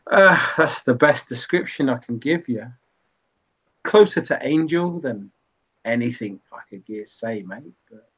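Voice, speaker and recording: Man doing a sly male barkeeper broker, wavering Irish accent, husky voice, hushed and conspiratorial, dull lo-fi recording. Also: medium pitch. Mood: ominous. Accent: put-on wavering Irish. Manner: hushed, conspiratorial, drawn-out delivery.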